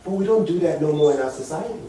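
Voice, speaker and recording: This man's motivational speech is expressive and fast, dramatic and emphatic, ranging from low murmurs to loud, high exclamations before an audience. He's a public speaker in his 40s with an African accent, recorded by a far-off mic in a very echoey hall with slight background noise.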